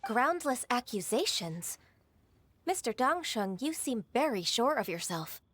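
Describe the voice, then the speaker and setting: A woman voicing a gentle, dutiful young secretary in a game, soft-spoken and formal. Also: a little high, very animated, unhurried, slight background noise.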